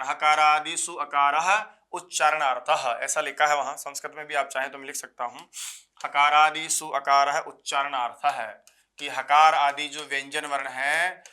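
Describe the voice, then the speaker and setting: Man, Sanskrit grammar lecture, very bright voice, slightly high pitch, repeats phrases, chants rules. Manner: repeats key phrases slowly, asks students rhetorical questions. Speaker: Sanskrit teacher. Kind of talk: exam-prep grammar lecture.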